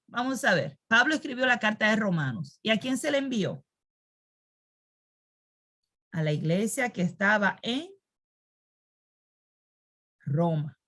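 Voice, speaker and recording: A woman's voice: fairly high pitch, fairly bright tone. A woman teaching a Sunday school Bible lesson. She quizzes her class, repeats key words and keeps checking that they follow along.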